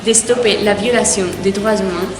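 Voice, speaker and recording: A woman's voice: medium pitch, steady tone, moderate pace. Woman anchor, formal read, distant in a reverberant hall, heavy music bed. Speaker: news anchor. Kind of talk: read news introduction.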